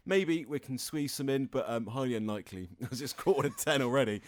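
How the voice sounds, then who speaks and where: A man's voice: mid-range voice, brisk, dry recording. A man hosting a local radio show in a studio, rambling and jokey, laughing often. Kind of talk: casual on-air chat and announcements. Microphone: studio microphone.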